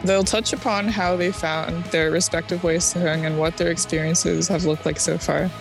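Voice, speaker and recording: A woman moderating a casual group podcast discussion, speaking in a relaxed, hesitant way with frequent fillers. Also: fairly low pitch, moderate pace, vocal fry, music in the background.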